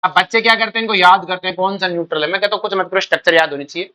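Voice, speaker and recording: A male chemistry teacher with a high, steady voice talks very fast in a sharp tone. He coaches exam students in a call-and-response lecture, quizzing them, calling them "beta," and repeating their answers back.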